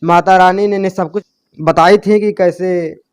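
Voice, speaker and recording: A man's voice: high voice, fairly even intonation, a little slow, smooth, dry recording, studio quality. A man working as a reporter, asking plain questions and murmuring along while he listens. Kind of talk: field interview.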